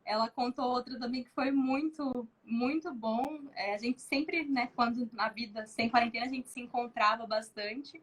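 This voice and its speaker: A woman, a journalist guest telling stories in casual chat, animated and laughing often. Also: fairly high pitch, moderate pace, few pauses, breathy edge, rough recording. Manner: animated, acts out quoted voices, laughs often.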